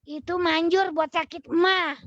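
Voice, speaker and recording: A woman's voice: very high-pitched, steady tone, a little slow, a bit bright, dull audio. A woman on a group video call eagerly sharing home-remedy advice in casual chat. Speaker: fellowship participant.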